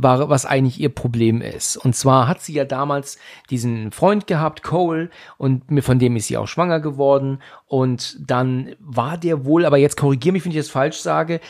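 A man's voice: on the high side, vocal fry, darkish tone. A man casually retelling a film's plot, talking loosely with many fillers and restarts. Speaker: podcast host recapping a film. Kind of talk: casual film discussion.

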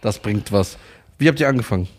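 A man's voice: fairly low pitch, animated, fairly quick, slight background noise. A man hosting a podcast who teases his guest in casual, dry banter. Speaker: podcast host.

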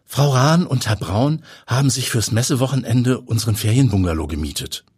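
A brisk, matter-of-fact estate owner, a middle-aged woman, voiced by a male audiobook reader. The voice is raised toward a female register yet keeps a husky grain. The delivery is lively and quick to the point. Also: medium pitch, no echo, clean studio sound, voice pushed up.

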